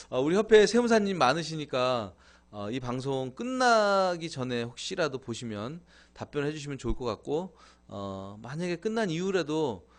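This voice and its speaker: A man's voice: fairly high pitch, very animated, measured pace. A man hosting a live internet broadcast in a chatty, casual way, laughing and thanking viewers. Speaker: live-stream host. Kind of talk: casual live-stream talk.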